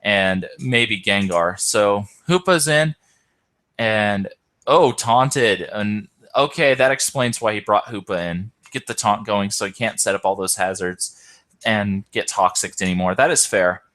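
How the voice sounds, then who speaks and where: A man's voice: fairly low pitch, measured pace, fairly bright tone. A tired man hosting and commentating an online game tournament, hesitant, with many ums and self-corrections. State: tired, yawning.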